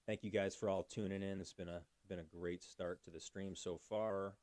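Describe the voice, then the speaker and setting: Man, livestream host, fairly low voice, dry room sound, casual, chatty, thanks his viewers. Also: steady tone, moderate pace, a little mellow, no echo. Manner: chatty, thanks viewers by name, talks through fixing his audio.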